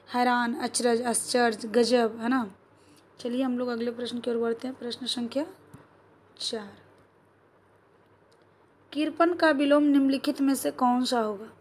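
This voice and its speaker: A woman teacher with a Bihari Hindi accent goes through exam questions, asks her class questions and answers them herself, and keeps checking whether it is clear. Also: a little high.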